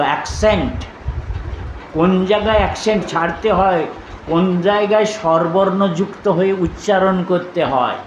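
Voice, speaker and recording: Older monk telling stories in an echoey hall. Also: male voice, sits high, lo-fi sound, slight background noise. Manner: anecdotal, scolding, switching between narration and quoted voices. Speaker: monk giving a religious discourse. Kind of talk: storytelling sermon. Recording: echoey room with faint ambience.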